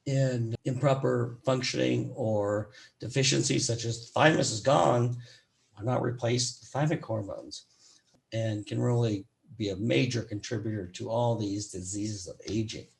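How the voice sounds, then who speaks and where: A man with a raspy voice, a physician giving an educational medical talk in a loose, rambling way with many fillers. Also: mid-range voice, measured pace. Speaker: physician presenter.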